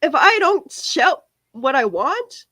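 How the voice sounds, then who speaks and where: Hosting a laid-back live stream podcast, a young woman rambles and chats while responding to viewer comments, her voice cracking from a cold. She sits high in pitch and speaks slowly but very animatedly, with a bright, forceful tone. The sound is clean studio quality without echo.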